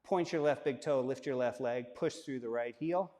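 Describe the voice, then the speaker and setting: A man guiding a yoga flow, giving step-by-step cues with relaxed, joking asides while he demonstrates. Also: medium pitch, moderate pace. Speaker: yoga instructor. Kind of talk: guided yoga class instruction. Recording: long hall-like reverb.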